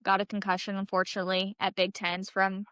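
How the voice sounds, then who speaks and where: A woman's voice: mid-range voice, monotone, fairly quick, bright, forceful tone, clear, resonant tone, dry recording, clean studio sound. A young woman in her twenties, a podcast guest chatting casually and filling her story with "like" and "um". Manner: chatty, heavy use of "like" and "um". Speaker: podcast guest, college gymnast.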